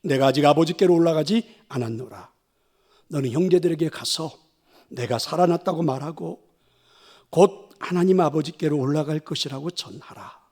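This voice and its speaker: A man doing a soft, tender Jesus. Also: a little high, normal speed. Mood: gentle. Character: gentle risen Jesus, calm grown man.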